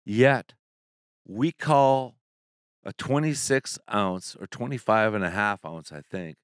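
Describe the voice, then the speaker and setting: An older man talks slowly and patiently, laying out an explanation with the odd chuckle. His voice is close and dry, with no room sound around it. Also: on the low side, clear, resonant tone, dry recording. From Alberta, Canada. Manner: unhurried, explanatory storytelling with chuckles. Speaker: guest. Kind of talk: casual chat.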